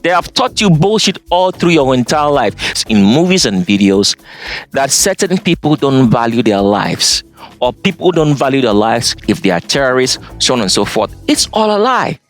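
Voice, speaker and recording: A speaker with an African accent delivering an insistent preaching monologue, stressing words hard and dropping to low asides. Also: sing-song, moderate pace, soft background music. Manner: emphatic, insistent, swings between loud and low. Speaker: channel host. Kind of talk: preaching monologue over slides.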